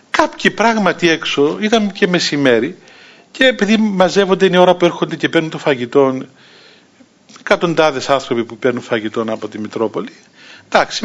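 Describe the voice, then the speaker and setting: A man in his sixties with a Cypriot Greek accent delivers a storytelling sermon as an Orthodox bishop. His slightly high voice leaps up and down as he acts out the people in his story, with a chuckle now and then. The recording is dull and lo-fi. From Cyprus. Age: 60s. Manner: lively anecdotal telling, acting out quoted voices, chuckling.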